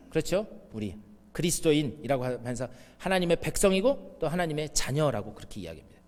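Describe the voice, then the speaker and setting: A man with a high voice preaches to his congregation, turning his sermon into a story and acting out the lines he quotes. His voice rings with the long reverb of a church hall. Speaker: pastor. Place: church sanctuary.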